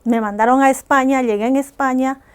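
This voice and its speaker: An Ecuadorian woman, a podcast guest, earnestly recounts hard personal experiences in a high, steady voice. She talks fairly quickly with a clean tone.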